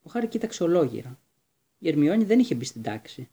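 A man narrating a storybook in a steady, measured reading. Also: on the high side, husky. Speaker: audiobook narrator.

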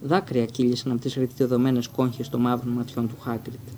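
A man's voice: mid-range voice, level tone, darkish tone, slight background noise. A man narrating an audiobook steadily, with occasional stumbles.

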